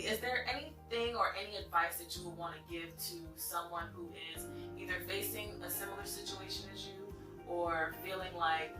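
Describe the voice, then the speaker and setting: A woman hosting a casual interview in a hair salon, upbeat and slangy as she hypes up her guest. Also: fairly low pitch. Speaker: interview host. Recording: echoey room, mic at a distance, music behind.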